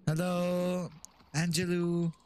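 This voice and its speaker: Jumpy high-voiced male streamer. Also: little pitch movement, slow, darkish tone. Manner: jumpy, yelps and laughs at scares, chats to viewers. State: out of breath. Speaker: live streamer playing a horror game. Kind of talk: casual live-stream gaming chat.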